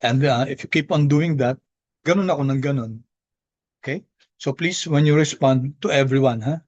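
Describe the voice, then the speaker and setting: A man's voice: medium pitch, normal speed, darkish tone, no echo, muffled recording. A man with a Filipino accent teaching an online coding class informally, often checking in with short tags. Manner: repeated check-in tags such as okay and no. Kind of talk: informal live coding lecture.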